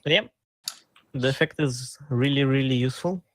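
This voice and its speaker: A man with a mid-pitched voice co-hosts a casual card game chat, explaining points plainly and matter-of-factly. The recording is dry and close, with no room sound. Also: moderate pace, fairly bright tone, no echo. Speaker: co-host.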